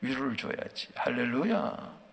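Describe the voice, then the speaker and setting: Fervent preaching pastor in echoing church. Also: male voice, medium pitch, expressive, unhurried, vocal fry, slightly rough. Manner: swings from quiet musing to loud fervent preaching. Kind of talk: dawn prayer sermon. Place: church sanctuary. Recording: long church hall reverb.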